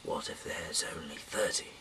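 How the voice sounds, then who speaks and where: An amateur Bible reader reads scripture aloud informally, halting, stumbling over words and repeating them. His raspy, breathy voice has a sharp tone and often trails off, with slight background noise behind him.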